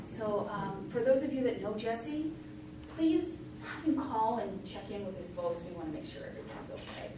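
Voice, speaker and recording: A woman's voice: mid-range voice, lively intonation, moderate pace. A middle-aged woman telling a folksy tall tale live, in a conversational, tongue-in-cheek way. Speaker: storyteller in a tall tales contest. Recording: echoey room from far off, noisy.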